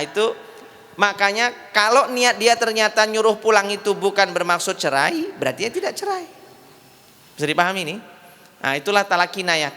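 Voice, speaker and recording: An Islamic preacher delivers a religious lecture, patiently repeating points and checking that his audience understands. His voice is high-pitched and sharp, with slight background noise and hall reverb.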